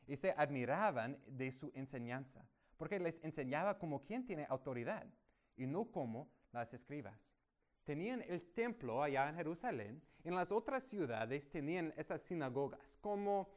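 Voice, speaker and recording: A man preaching a sermon, teaching through a Bible passage verse by verse and raising his voice for emphasis. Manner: animated, rises in pitch and volume for emphasis.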